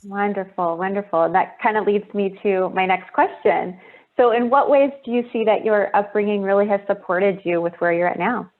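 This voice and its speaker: A woman's voice: medium pitch, moderate pace. A woman hosting an online interview over a video call, speaking in an effusive, complimentary way. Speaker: host. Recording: phone-like narrow sound.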